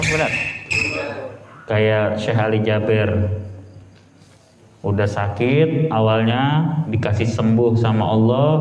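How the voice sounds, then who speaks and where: A man's voice: medium pitch, background noise. A man preaching an informal sermon, joking and asking the audience questions. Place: prayer room. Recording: echoey hall with crowd.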